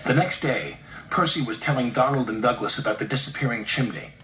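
A man narrating a children's story with expressive, animated delivery. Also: medium pitch, brisk. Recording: roomy echo with music behind.

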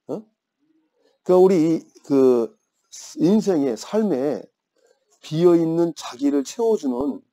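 Chatty male grammar teacher, mellow voice. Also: a little high. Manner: playful storytelling, teasing students. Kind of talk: classroom lecture with chatty anecdotes.

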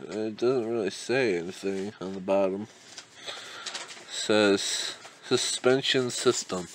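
Slow, easygoing young man sorting finds. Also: fairly low pitch, a little hiss or hum. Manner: relaxed, chuckles often, thinks aloud. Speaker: reseller vlogger. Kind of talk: casual unboxing commentary.

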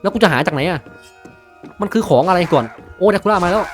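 A young man giving casual gameplay commentary, bursting into loud, swearing, excited yells. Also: high-pitched, quick pace, faint music behind. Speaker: gaming video host.

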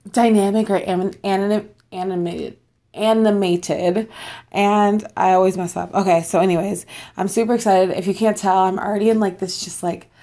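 A woman's voice: medium pitch, fairly even intonation, fairly quick, warm tone. A young woman vlogging from home in a casual eat-with-me chat, bubbly and chatty, talking between bites while losing her voice. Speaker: mukbang vlogger.

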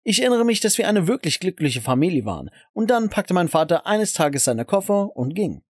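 Lively young male storyteller. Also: sits high, brisk, dry recording, clean studio sound. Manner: expressive, emotional storytelling. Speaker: narrator. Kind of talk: scripted storytime narration.

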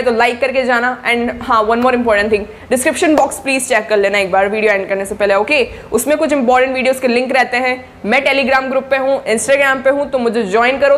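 Young female tutor, fairly high voice, friendly chatty coaching with constant check-ins. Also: fairly bright tone. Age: young adult. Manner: chatty and encouraging, with frequent check-ins to the listener. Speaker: study-tips YouTuber for board exam students. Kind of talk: casual spoken study coaching to camera.

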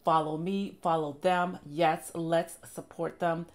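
Woman, reaction host, gushing, somewhat low voice, hoarse from losing it. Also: level tone, slow pace. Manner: enthusiastic, gushing praise. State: losing her voice, clearing throat. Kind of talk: casual reaction commentary.

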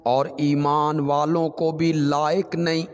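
Emphatic preacher in an echoing hall. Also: male voice, a little high, little pitch movement, slow pace. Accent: Pakistani Urdu. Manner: recites Arabic verses then explains them in Urdu; emphatic, repetitive preaching with rising exclamations. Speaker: Islamic scholar giving Quran commentary. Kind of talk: Quran commentary sermon. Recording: long hall reverb.

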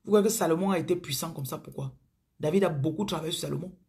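A woman with a Cameroonian accent speaks in a deeply husky, breathy voice. She preaches to her viewers over a phone stream in a chatty way. Her voice often sinks into low murmurs and whispers. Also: quick pace, darkish tone. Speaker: spiritual coach on a live stream.

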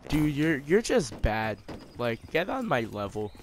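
Guy trash talking in a shooter game, bouncy sing-songy taunts, slow drawn-out delivery. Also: mid-range voice, big pitch swings, slight background noise. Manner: taunting, mocking, jokey insults. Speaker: online gamer trolling an opponent.

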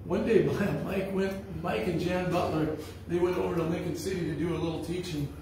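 A man's voice: high voice, steady tone, normal speed, a little mellow, slight background noise. A man preaching a sermon as pastor, telling stories in a blunt, folksy way. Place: church sanctuary. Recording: echoey church hall from far off.

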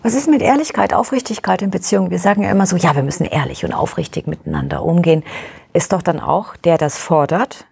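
A woman interviewer with a low, gravelly voice full of fry. She asks long, reflective questions and thinks aloud as she talks. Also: fast talker, darkish tone.

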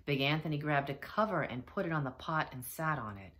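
Woman, teacher reading a picture book aloud, low voice, lively expressive pitch. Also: a little fast. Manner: expressive, animated storytelling. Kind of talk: children's read-aloud narration.

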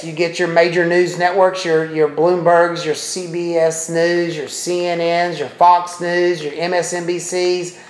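A middle-aged man casually walking viewers through a TV streaming service, thinking aloud with chatty asides as he clicks around. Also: on the high side. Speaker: presenter demonstrating a TV streaming service. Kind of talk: casual walkthrough talking to viewers. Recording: roomy echo.

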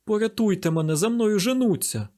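Man voicing a young fugitive, desperate, pleading, frantic, raised pitch, audiobook. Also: animated, fairly quick, dark tone.

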